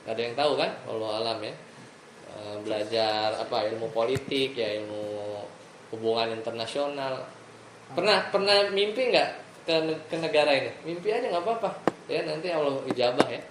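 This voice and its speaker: A man's voice: mid-range voice, lively intonation, brisk. A man, a religious teacher giving a casual classroom lesson, chatty and explaining step by step while asking his students questions. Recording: echoey room with faint ambient noise.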